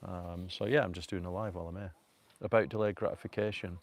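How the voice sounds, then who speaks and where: A low-pitched, fast-talking man from North Manchester, with a steady tone and a Manchester accent, vlogs live from a rocky cove by a river. He rambles and chats casually, laughing often and using lots of fillers, holding a phone on a selfie stick.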